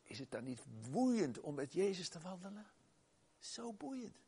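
A man preaching a sermon and telling a personal story, emphatic and exclaiming, swinging between loud and soft. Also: high voice, big pitch swings, unhurried, slightly rough.

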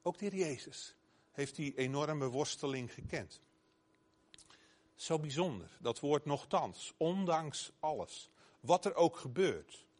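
A man's voice: on the high side, lively intonation, a little slow, darkish tone. A man preaching a sermon earnestly, growing emphatic when he quotes scripture.

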